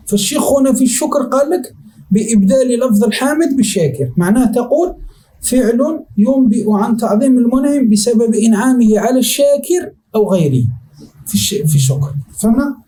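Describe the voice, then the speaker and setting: A man teaches a classical rhetoric text to his students. His voice sits high yet sounds mellow and dark. He repeats each definition patiently and keeps checking whether the class has understood. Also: rough recording. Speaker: sheikh teaching Arabic rhetoric. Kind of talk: classroom lesson explaining a text.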